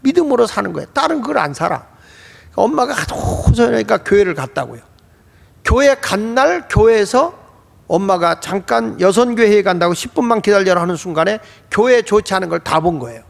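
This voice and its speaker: High-pitched gravelly preacher, echoing hall. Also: male voice, very animated, a little fast. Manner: emphatic, swelling to exclamations. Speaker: pastor. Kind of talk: sermon. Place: church sanctuary. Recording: echoey church hall.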